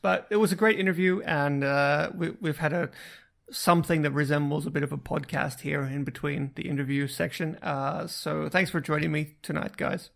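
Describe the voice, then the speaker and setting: A man's voice: a little high, fairly even intonation, normal speed, gravelly, a bit bright. A man hosting a casual gaming podcast over voice chat, joking at his own expense and stumbling over repeated words. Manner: joking, self-mocking, stammers repeats. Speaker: podcast host.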